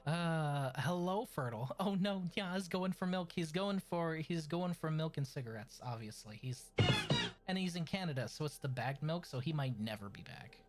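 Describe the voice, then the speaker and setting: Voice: medium pitch, expressive, moderate pace, soft background music. A streamer chatting casually while gaming, teasing and swearing playfully. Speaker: streamer and host. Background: video game sounds.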